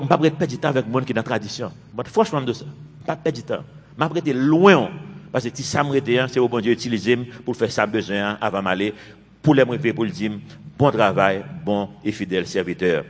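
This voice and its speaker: A man's voice: medium pitch, fairly quick. A man in his fifties, a pastor preaching a sermon with emphatic, repeated phrases. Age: 50s. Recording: long reverb of a large hall.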